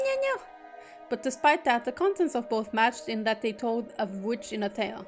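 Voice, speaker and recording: Female streamer, slightly high voice, reads game text aloud and drops quick jokey asides. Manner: reads narration steadily, breaks off into joking asides. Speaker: streamer reading a visual novel aloud. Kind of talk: reading aloud with casual asides.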